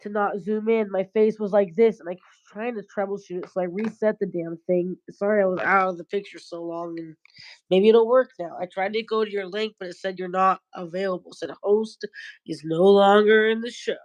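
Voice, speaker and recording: A woman's voice: mid-range voice, fairly even intonation, normal speed. Stuffy-nosed woman chatting loosely on her phone stream, nasal from a cold. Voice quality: nasal, congested. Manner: rambling, loose, a little stoned. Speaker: livestream host. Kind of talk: casual livestream chat. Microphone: phone or tablet camera.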